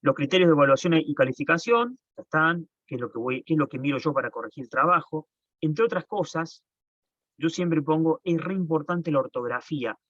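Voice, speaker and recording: A man's voice: fairly high pitch, expressive, brisk, fairly bright tone, no room sound. A man teaching an online class, explaining patiently and often restarting his phrases. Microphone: computer mic on a video call. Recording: dull, dry lo-fi call audio.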